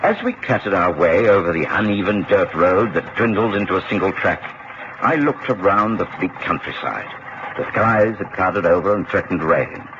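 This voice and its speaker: In a radio drama, an actor with a low voice and a British Received Pronunciation accent plays a genial, earnest middle-aged gentleman doctor recounting his adventures, measured and expressive in a grave storytelling mood. The narration and dialogue come through as a dull, faintly noisy old radio recording.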